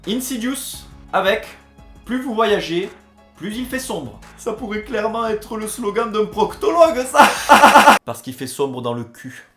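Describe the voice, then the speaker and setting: A man hosts a comedy video and jokes sarcastically in a mock-dramatic way. His voice sits high and swings all over the place. The recording has a roomy echo and faint music underneath. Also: big pitch swings, a little slow. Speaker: host of a comedy video series.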